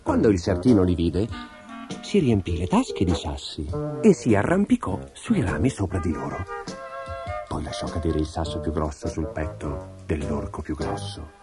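A man telling a fairy tale in a dramatic, expressive storybook style over background music. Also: deep voice, normal speed. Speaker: narrator. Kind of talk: storybook narration.

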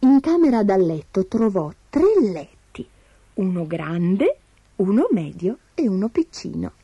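Expressive woman reading a fairy tale. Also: mid-range voice, breathy edge, dry recording, dull audio. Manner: expressive, slows for suspense. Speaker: storyteller.

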